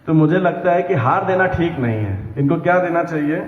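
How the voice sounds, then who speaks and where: A man with a somewhat high voice narrates a devotional story to pilgrims, checking in with his listeners as he goes. The recording rings with a long hall reverb and sounds tinny and phone-like. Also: animated, brisk. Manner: narrates devotional stories with quoted dialogue, frequent "है ना?". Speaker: pilgrimage guide. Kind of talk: storytelling lecture. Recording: echoey hall over a tinny phone-like line.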